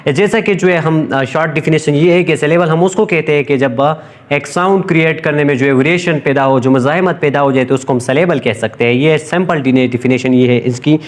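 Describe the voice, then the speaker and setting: A man giving an informal recorded English grammar lesson, hesitant, with many fillers and restarts, slowing down to dictate English sentences. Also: a little high.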